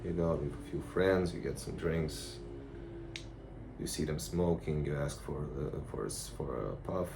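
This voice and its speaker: A man giving a casual, rambling vlog monologue in a blunt, profane, halting way. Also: a bass voice, gravelly. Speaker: vlogger. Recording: noticeable background noise.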